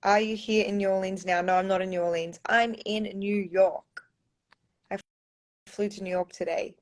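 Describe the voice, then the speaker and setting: A woman's voice: mid-range voice, fairly even intonation, moderate pace. A young Australian woman chatting casually on a phone livestream, reading out viewer comments and answering them with lots of ums and likes. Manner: chatty, reads viewer comments aloud, often says um and like. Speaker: pageant contestant answering fans. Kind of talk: casual live-stream Q&A.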